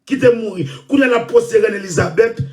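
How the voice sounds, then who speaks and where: A man hosting an online show, ranting loudly and repeating himself. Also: high voice, a little fast, recorded from a distance. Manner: shouting, loud and repetitive. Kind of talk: impassioned rant.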